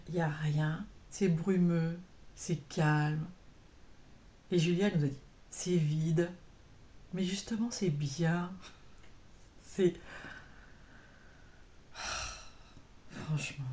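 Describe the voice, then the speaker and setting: A woman's voice: on the low side, darkish tone. A woman vlogging about cross-stitch in a chatty, rambling way, full of fillers and self-corrections. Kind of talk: casual chat to camera.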